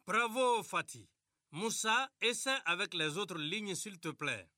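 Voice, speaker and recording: Slow, bright-voiced male teacher. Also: high-pitched, expressive, no room sound, clean studio sound. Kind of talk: classroom lesson instruction.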